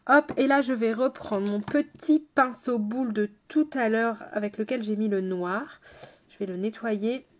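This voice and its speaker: A woman's voice: fairly high pitch, a little slow. Chatty woman makeup artist vlogging. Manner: chatty, addresses viewers directly; playful asides to someone off camera. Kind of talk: casual makeup tutorial.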